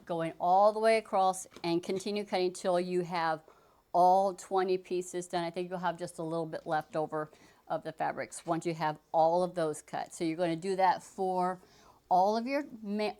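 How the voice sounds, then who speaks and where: A woman's voice: lowish voice, dark tone. A woman giving a casual sewing tutorial, chatting through each step as she works with fabric. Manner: chatty, talks while working, frequent restarts. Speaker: sewing instructor. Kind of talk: casual how-to demonstration.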